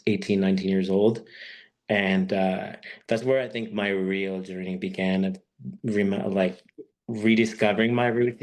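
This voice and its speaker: A man in his thirties, from Peru and raised in Quebec, speaking as a guest on a video call and telling his story in a halting, unhurried way. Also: sits low. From born in Peru, raised in Quebec, Canada. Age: 30s. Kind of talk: personal talk on an online webinar.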